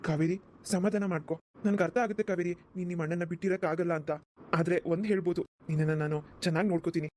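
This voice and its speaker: A woman's voice: fairly low pitch, steady tone, rapid-fire, warm tone, a little hiss or hum, natural voice. A woman voicing a polite, earnest young groom who apologizes and reassures his bride in a cartoon. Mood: reassuring. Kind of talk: cartoon voice acting.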